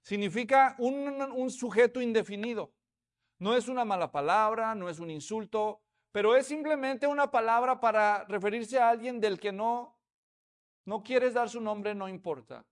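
A pastor preaching a sermon, telling the story with animation and acting out the voices of townspeople. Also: male voice, sits high, normal speed.

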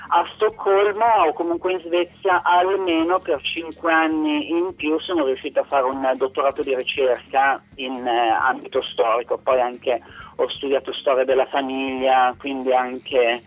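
A man's voice: mid-range voice, level tone, unhurried. Hesitant man on a muffled line. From Italy. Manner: hesitant, many fillers. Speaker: tour guide and historian.

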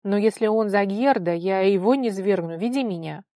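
A woman's voice: mid-range voice, normal speed, no echo, studio quality, natural voice. A woman voicing a determined young heroine in a storybook reading, speaking firmly and commandingly. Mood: indignant. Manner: forceful, commanding.

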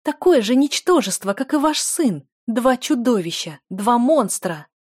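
A woman's voice: on the high side, sing-song, slow, a little mellow, husky, no room sound, clean studio sound, pitched above the performer's own voice, heavily acted. A woman doing a tearful, desperate young noblewoman. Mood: furious. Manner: crying out, sobbing, pleading.

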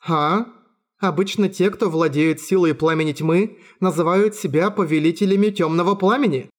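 A man's voice: high voice, normal speed, close to an everyday voice. A man voicing a theatrical teenage girl. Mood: grandiose. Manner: theatrical, solemn, mysterious. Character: eccentric teenage girl with grandiose fantasy talk.

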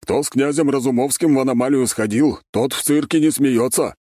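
A man's voice: mid-range voice, fairly quick, no echo, clean studio sound, pitched above the performer's own voice, natural voice. Audiobook: a composed cat-shifter fighter, level and unbothered, put on by a male narrator. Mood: calm. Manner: calm, unflappable. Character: calm African male cat-shifter warrior.

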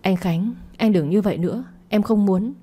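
A woman's voice: medium pitch, normal speed, warm tone, close to an everyday voice. A woman reading the part of a frank young woman who keeps refusing a suitor, in a storybook reading. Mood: reluctant. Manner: frank, reluctant.

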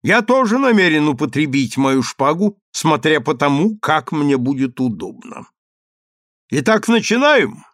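A man's voice: fairly high pitch, sing-song, a little slow, fairly bright tone, dry recording, clean studio sound. A man voicing an arrogant, scornful male duelist who talks in a sneering, contemptuous way.

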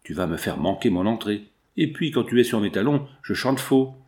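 A man voicing a sharp-tongued young redheaded chorus girl, snapping back with dismissive retorts. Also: on the low side, lively intonation, moderate pace, natural voice. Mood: snappish.

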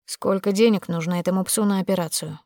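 A woman's voice: mid-range voice, fast, dry recording, clean studio sound, close to an everyday voice. A woman voicing a cold, commanding young man. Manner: flat, curt, commanding. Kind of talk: audiobook character voicing.

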